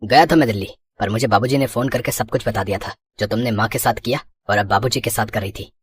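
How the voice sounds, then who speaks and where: A woman's voice: extremely low pitch, fast talker, husky, pitched below the performer's own voice. A woman voicing a stern, protective young adult son who scolds his wife in a storybook cartoon.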